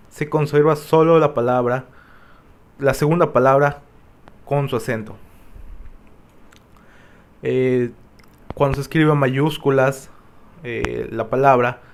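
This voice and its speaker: A young man giving a class presentation on spelling and accent rules, reading steadily with occasional fillers. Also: mid-range voice. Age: young adult. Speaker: student presenter.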